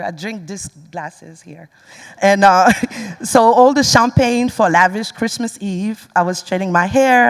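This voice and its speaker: A young woman giving a personal storytelling talk on stage, with many fillers. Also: mid-range voice. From Senegal. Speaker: speaker. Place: large music hall. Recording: long hall reverb.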